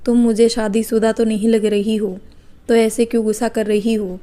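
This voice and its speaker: A woman's voice: fairly high pitch, level tone, normal speed, dark tone, lightly acted. Woman reading a cheeky teasing young man. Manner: playful, mocking banter.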